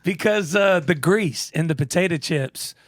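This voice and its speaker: Over crowd noise, a man with a naturally scratchy voice chats as a musician guest on a radio show. He speaks at a measured pace in a voice on the high side. He's laid-back and laughs easily throughout the interview.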